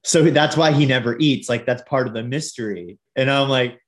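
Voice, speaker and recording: A man's voice: medium pitch, normal speed. Chatty man laughing between thoughts. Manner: chatty, laughs often, rambling asides. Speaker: podcast co-host. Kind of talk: casual chat about TV and film.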